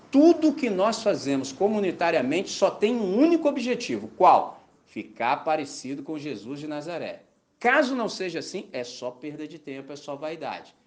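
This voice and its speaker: A man with a Brazilian Portuguese accent preaching a sermon in a colloquial, animated storytelling way, full of slang. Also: fairly high pitch.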